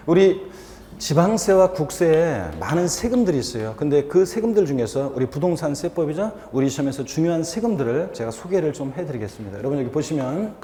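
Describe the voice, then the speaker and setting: A man's voice: a little high, dark tone. A middle-aged man teaching a recorded lecture on real estate tax law, chatty and telling stories while speaking directly to his students. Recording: echoey lecture hall.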